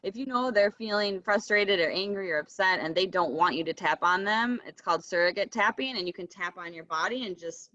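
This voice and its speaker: A woman leading a kids' tapping session over a video call, gentle and encouraging, often checking in with "right?" and "okay?". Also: medium pitch, fairly quick, few pauses, dull audio.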